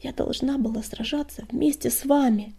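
A woman's voice: sits high, fairly even intonation, normal speed, warm tone, pitched above the performer's own voice, exaggerated voice. A woman whispering the lines of a young lame female apprentice cat, full of shame, in a storybook reading. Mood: ashamed. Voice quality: whispered, breathy.

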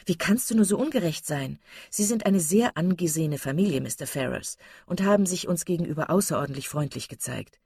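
Woman reading level-headed young woman in an audiobook, low husky voice, even and calm, dry recording. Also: no echo, full character voice. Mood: reproving. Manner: measured, level, gently chiding. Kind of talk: audiobook character voice.

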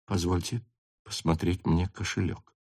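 A young cadet speaks softly, his voice trembling and strained, as a male audiobook reader plays him. The voice is low and held back. Each word comes with effort. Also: animated, moderate pace. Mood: tense, quiet. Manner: quiet, trembling voice. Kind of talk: audiobook character voice.

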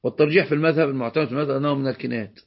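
A man's voice: mid-range voice, rapid-fire, muffled recording. A man with an Egyptian accent teaching a religious law lesson, explaining a text and repeating key phrases for emphasis. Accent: Egyptian Arabic.

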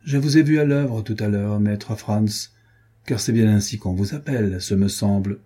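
A man voicing a sly, scheming male captain in an audiobook, speaking in a measured way. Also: lowish voice, dark tone, slightly rough.

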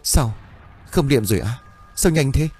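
A man doing a distraught elderly widow in a spoken village ghost story, pitched high and shrill, wailing over her loss. The voice is husky and swoops widely. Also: expressive, fast, a little mellow.

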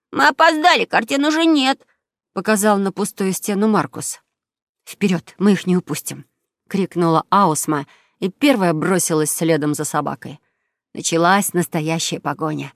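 A woman narrating a children's audiobook in a lively storytelling manner, acting out each character. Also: lowish voice, dry recording, clean studio sound.

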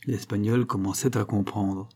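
A man giving a scripted, dramatic and expressive narration of a classic novel. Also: on the low side, normal speed, slightly rough. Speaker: audiobook narrator.

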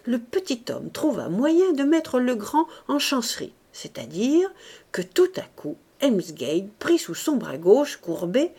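Slow expressive woman audiobook reader. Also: a little high, breathy edge. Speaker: audiobook narrator. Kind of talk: literary audiobook reading.

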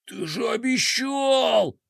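A man voicing a stern, proud old rabbit general in a children's story, speaking slowly and heavily. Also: a little high, vocal fry. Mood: solemn. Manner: slow, heavy, solemn.

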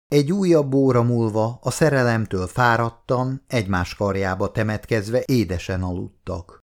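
A man from Hungary reading an audiobook in calm, steady scripted narration. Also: medium pitch.

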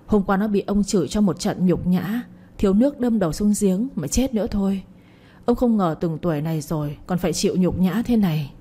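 A woman tells a family drama in a measured, moralizing tone. Her voice is mellow and warm with a slight husk. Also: medium pitch, animated, husky. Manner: measured, commenting on events. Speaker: storyteller. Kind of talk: narrated moralizing story.

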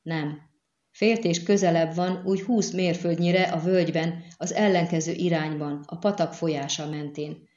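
Woman voicing a calm, hurt young man, low voice, echoey dull recording. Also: lightly acted. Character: wounded young man, cool and teasing.

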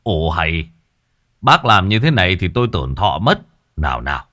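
A man voicing a shrewd exorcist master who speaks in a measured, authoritative way. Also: low voice, big pitch swings, sharp tone, heavily acted. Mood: calm. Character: shrewd male exorcist master, calm and mercenary.

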